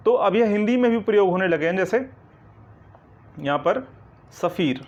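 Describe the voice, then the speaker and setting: An expressive, fairly high-voiced man teaches Hindi grammar at a moderate pace in an online coaching lecture. He explains each step, keeps saying "ठीक है ना", and answers the questions he asks back. The recording sounds dull and lo-fi.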